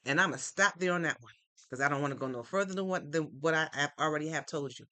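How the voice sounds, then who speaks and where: A man's voice: a little high, fast talker, pushed and bright, no room sound. A man hosting a live stream, giving earnest, repetitive, faith-based encouragement to viewers. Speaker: livestream host. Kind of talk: motivational live-stream talk.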